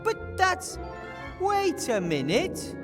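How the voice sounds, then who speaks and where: A wry, impatient young gnome hero, with a high, animated voice. Reverb and faint game music surround him. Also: male voice, extremely slow, full character voice. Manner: wry, sarcastic.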